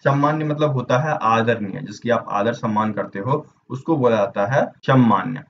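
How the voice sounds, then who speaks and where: At a mid pitch and normal speed, a man teaches an exam-prep Hindi lesson, spelling each word out letter by letter and stopping to ask the viewer which option is correct. The audio is slightly dull and lo-fi, with a faint hum of room noise in the background.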